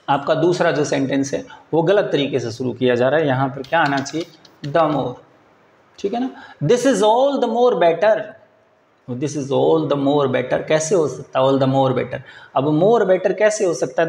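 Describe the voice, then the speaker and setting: A man teaching English grammar for exams, explaining in Hindi and reading English sentences slowly, often checking that listeners follow. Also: on the high side, echoey room, low-quality recording. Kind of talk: exam-prep grammar lesson.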